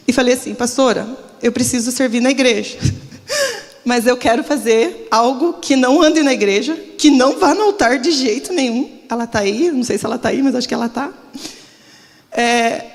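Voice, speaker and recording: A middle-aged woman pastor with a Brazilian Portuguese accent, giving an emotional, confessional testimony in a church service. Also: high voice. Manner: emotional, confessional, trembling with nerves. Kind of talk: testimony sermon. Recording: long church hall reverb.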